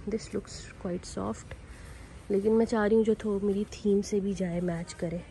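A young woman talks through her shopping in a relaxed, chatty vlog, switching between Hindi and English. Her voice is mellow and warm. It is caught on a phone held at arm's length inside a big store, with faint noise behind her. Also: medium pitch, a little slow, low-quality recording. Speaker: vlogger. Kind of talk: casual vlog chat. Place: large indoor store.

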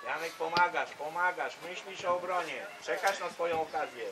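A man's voice: fairly high pitch, normal speed. A man coaching a youth football team, calling urgent, commanding instructions to his players from the touchline. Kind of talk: shouting instructions from the sideline. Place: outdoor football pitch. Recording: distant voice, loud crowd and outdoor noise. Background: loud crowd and outdoor noise.

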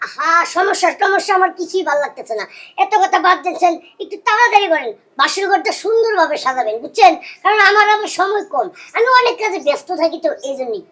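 A woman's voice: very high-pitched, animated, a bit bright, no room sound. Woman playing a pushy brash young man. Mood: indignant. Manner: wheedling, impatient, drawn-out "aha". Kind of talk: comedy TV play acting.

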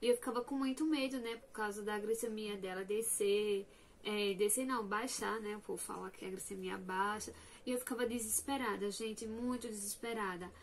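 A young woman vlogger chatting casually to her viewers, telling a personal story in an animated, talkative way. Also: medium pitch, moderate pace, a little hiss or hum.

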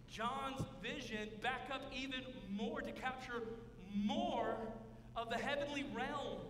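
A man in his thirties, a pastor preaching a sermon with emphatic, drawn-out phrasing in a large church sanctuary. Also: very high-pitched, sharp tone, a little hiss or hum. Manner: emphatic preaching, drawn-out words, gestures while walking the stage. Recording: echoey hall from far off.

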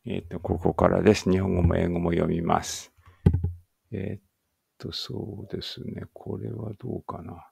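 A man with a very low, gravelly voice leads a read-aloud English lesson. He takes his time over each English phrase, then follows it with the Japanese translation. The sound is dry and close, with no room around it. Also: level tone, normal speed, mellow, dry recording. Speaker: English teacher.

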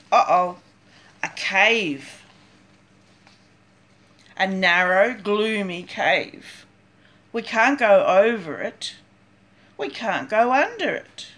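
Older lady with a grandma voice reading a kids book, slow and really up and down. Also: mid-range voice, a bit bright. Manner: grandmotherly, deliberate and sing-song, dramatic emphasis. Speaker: storyteller reading a picture book aloud. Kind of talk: expressive read-aloud for young children. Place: small cluttered room at home, indoors.

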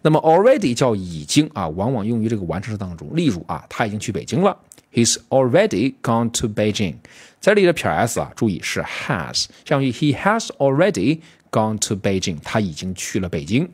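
A man teaching English in a casual spoken lesson, talking straight to his students and slowing down to repeat English words. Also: on the low side, breathy edge. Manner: lively, addresses students directly, slows to repeat English words.

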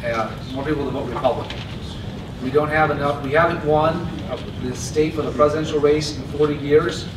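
A man giving a steady, earnest convention stump speech at a podium microphone. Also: medium pitch. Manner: earnest, steady delivery with occasional restarts. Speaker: party chair candidate. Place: large convention hall, indoors. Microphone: podium mic on stand. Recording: echoey hall from a far camera with noise.

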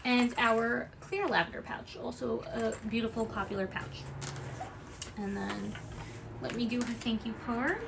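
A chatty, somewhat high-voiced woman with an Italian-American Bronx accent co-hosts a livestream while packing orders, casually reading out orders and viewer comments. She talks at a measured pace with a gravelly edge, over steady background noise and clicks from a small office.

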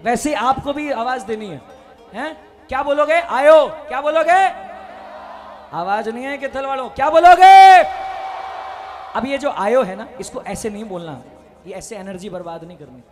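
A man, a bhajan singer leading a live devotional crowd, energetic and chatty as he coaxes people to call back and bursts into shouts on a stage mic. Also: high voice, brisk. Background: devotional band music.

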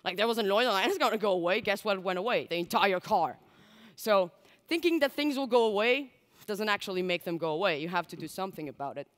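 On a big, darkened stage facing an audience, a twenty-something woman whose first language is Portuguese talks quickly with lively intonation in a mid-range voice. She's candid and chatty, peppering her conference talk with likes and asides; a headset mic picks her up amid long hall reverb.

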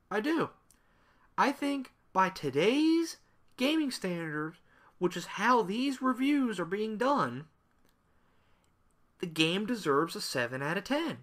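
A young man, a gaming video creator, speaks with a high-sitting, slightly bright voice. He casually rants his opinions at the camera, sarcastic and rambling, with plenty of asides.

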